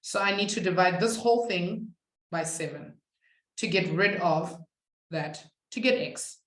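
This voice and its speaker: Speaking in a lowish voice at a measured pace, a young non-native English speaker runs a live online maths lesson via webcam and chats with her students. The room is echoey and the recording low-quality. She reads student messages aloud, chats freely and laughs at herself.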